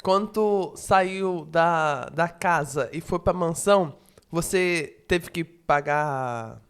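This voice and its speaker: Brief: Brazilian woman host, lowish voice, unhurried questions. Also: smooth. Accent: Brazilian Portuguese. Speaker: podcast host. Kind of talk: casual interview chat.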